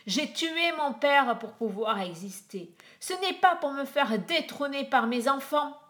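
Woman doing a crafty, heartless god-king, pitched up and barking. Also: lively intonation, unhurried, bright, forceful tone, full character voice. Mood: harsh. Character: cunning cruel father god, child-devouring.

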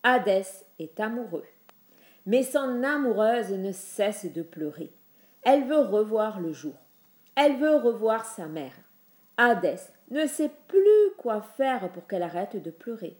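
A woman voicing a grumbling old male ferryman of the dead in a storybook, with a slow, drawling delivery. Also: medium pitch, sing-song, a little mellow, roomy sound.

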